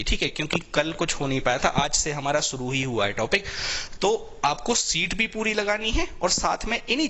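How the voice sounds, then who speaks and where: एक पुरुष शिक्षक लाइव ऑनलाइन कक्षा में अंग्रेज़ी व्याकरण पढ़ाता है, बात-बात पर "ठीक है भाई" पूछता है और शब्दों को खींचकर बोलता है।. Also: male voice, fairly high pitch, bright, forceful tone. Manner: repetitive, checks in often with "theek hai bhai". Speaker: English teacher for exam preparation. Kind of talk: live online class lecture.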